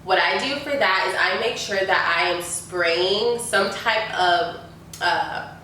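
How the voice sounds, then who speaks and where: A beauty YouTuber in her twenties chats casually through a Q&A, her mid-range voice bright and forceful but slow, stuffy from a sinus infection and full of likes and ums. The room is echoey, the mic sits at a distance, and there's faint noise.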